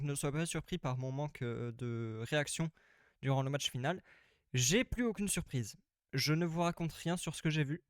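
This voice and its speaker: A slightly tired man with a mid-range voice streams a video game live, giving casual let's-play commentary. He's chatty and rambling, repeating himself, while faint game music plays under a dry recording.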